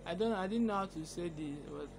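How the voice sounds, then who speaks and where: A man's voice: sits high, brisk, vocal fry, over music. A young man making a casual prank call, hesitant and stammering, recorded on a phone camera at arm's length. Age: young adult.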